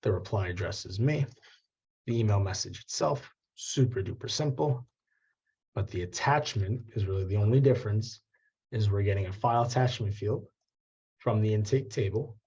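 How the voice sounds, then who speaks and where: Male trainer, low mellow voice, easygoing and rambling, heard through a muffled video call. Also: breathy edge. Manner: casual, loose, many fillers and restarts. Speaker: software trainer hosting office hours. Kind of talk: live webinar walkthrough.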